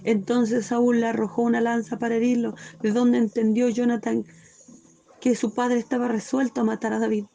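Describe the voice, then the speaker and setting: High, gravelly-voiced woman preaching scripture. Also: level tone, normal speed, warm tone. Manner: fervent, often asks "cierto?" and breaks into praise. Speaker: Bible study teacher. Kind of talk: Bible study sermon, reading and explaining scripture.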